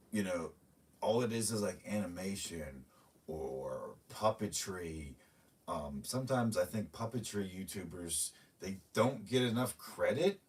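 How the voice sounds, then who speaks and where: Middle-aged male streamer, lowish voice, ranting chat, slightly distant mic with faint room noise. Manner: ranting, talks to his cats. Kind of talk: rambling live-stream chat.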